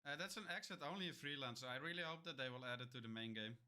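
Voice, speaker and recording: Guy rambling casually on stream, mid pitch, lots of uh and like. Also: very fast, sharp tone. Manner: loose, rambling, full of "uh" and "like". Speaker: streamer reacting to his own speedrun. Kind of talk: casual chat.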